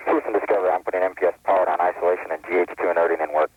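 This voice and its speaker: A man's voice: deep voice, fairly even intonation, very fast, no room sound. A man, a shuttle crew member, giving terse procedural callouts over a crackly space-to-ground radio link. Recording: tinny, husky lo-fi radio transmission.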